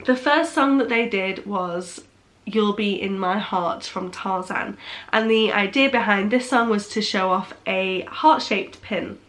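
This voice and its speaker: A young woman chats casually in a vlog, her medium-pitched, fairly bright voice made nasal by a cold. She's unhurried and hesitant, often restarting her sentences.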